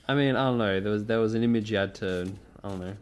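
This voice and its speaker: A man co-hosting a casual book podcast, thinking aloud slowly and laughing often. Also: fairly low pitch, clear, resonant tone. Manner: slow, thoughtful, laughs often. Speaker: podcast co-host. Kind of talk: casual book-club chat.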